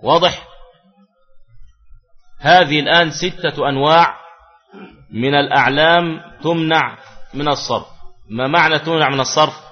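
A man's voice: a little high, normal speed, pauses often. A man teaching Arabic grammar in a classroom lesson, explaining step by step and answering his own questions. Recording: dull lo-fi recording with faint music.

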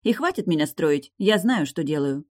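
A woman reading an audiobook, voicing a stubborn, sharp-tongued young woman who talks in firm, clipped phrases. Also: deep voice, expressive, moderate pace, no room sound, studio quality. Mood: defiant.

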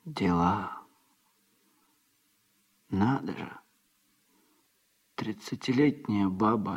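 In a Soviet radio drama, an actor voices a footloose, self-satisfied womanizer who does odd jobs. His lowish, husky voice is fully in character, and he talks colloquially.

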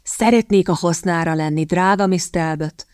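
Woman reading snarky young gentleman, drawly and teasing, low voice, dry close sound. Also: expressive, no echo, lightly acted. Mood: mock-helpful. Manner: drawling, teasing mock courtesy. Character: sardonic young gentleman, mocking and idle. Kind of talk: audiobook character reading.

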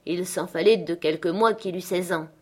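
Fairly low and with a breathy edge, this audiobook narrator's voice reads from a classic novel. She delivers the scripted narration in a calm, steady, storyteller's manner.

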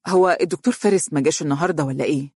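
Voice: medium pitch, fairly even intonation, very fast, mellow, dry recording, studio quality, natural voice. A narrator voicing an anxious, pleading father in Egyptian Arabic for an audiobook. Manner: eager, pleading. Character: anxious older father of an accused son.

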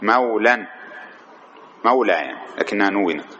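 Man, classroom grammar lecture, asks students questions, mid-pitched voice, faint background noise. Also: lively intonation, brisk, a bit bright, lo-fi sound. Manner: calls on students, repeats their answers, stretches key words. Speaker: teacher of Arabic morphology.

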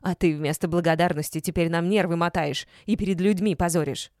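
A woman's voice: lowish voice, steady tone, brisk, darkish tone, dry recording, lightly acted. Woman reader puts on a spiteful old shrew of a mother-in-law: shrieking, scolding, dry close sound. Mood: shrill, furious.

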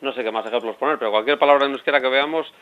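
Fast-talking man explaining on local radio. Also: medium pitch, fairly bright tone. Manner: explanatory, rambling with restarts. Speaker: radio guest. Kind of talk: radio interview. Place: radio studio. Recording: dull lo-fi radio audio.

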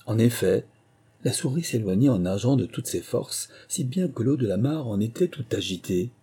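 A man narrating a children's storybook in a measured, expressive way. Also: medium pitch, breathy edge. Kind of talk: storybook reading.

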